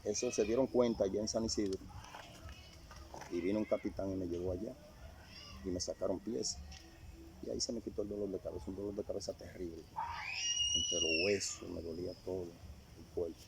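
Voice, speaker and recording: An older man recounting a personal testimony in casual storytelling, halting and repeating phrases as he remembers. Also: sits low, steady tone, vocal fry, noisy background. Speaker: interviewee sharing a testimony.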